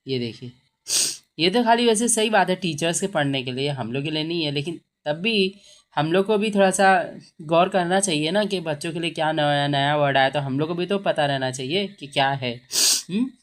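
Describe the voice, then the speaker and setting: A woman's voice: deep voice, moderate pace. Patient woman teacher sounding out words. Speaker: Urdu teacher. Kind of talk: explaining a textbook lesson.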